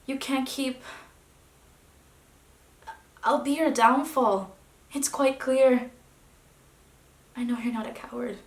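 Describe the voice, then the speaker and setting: Dignified departing wife, played by a woman, stage monologue, higher voice, restrained delivery, roomy echo. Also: steady tone, slow pace, long pauses. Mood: quiet resignation. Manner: restrained, dropping to hushed tones, then rising. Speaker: actor. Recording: echoey room.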